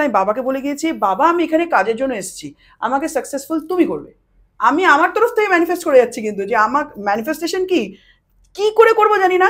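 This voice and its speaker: A woman practitioner in a podcast conversation, with a voice hoarse from long talking, who explains animatedly and then drops to a slow, soft voice to show how people speak in trance. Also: sits high. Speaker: past life regression practitioner. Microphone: podcast studio mic.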